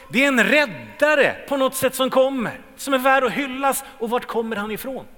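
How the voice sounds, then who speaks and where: A middle-aged man preaching a sermon, swinging between loud emphatic lines and quiet low ones. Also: big-room sound.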